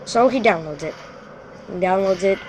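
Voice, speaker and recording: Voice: mid-range voice, normal speed, noisy background. Rambling storyteller who keeps correcting themselves. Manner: rambling, frequently corrects itself. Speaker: host. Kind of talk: casual live storytelling.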